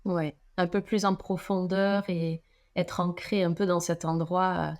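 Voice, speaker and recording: A woman's voice: lowish voice, flat delivery, unhurried, a little mellow. A woman hosting a podcast, asking long, rambling questions with frequent hesitations. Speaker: podcast host. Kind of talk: conversational interview questions.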